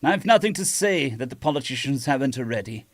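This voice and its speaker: A man voicing a stately grey-haired woman admiral giving a stern, measured address to her fleet. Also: mid-range voice, animated, no room sound, studio quality, natural voice. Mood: grave, commanding.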